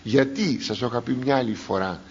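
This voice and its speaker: A man preaching a sermon, explaining scripture to his congregation with animated rhetorical questions. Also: medium pitch. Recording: dull lo-fi recording.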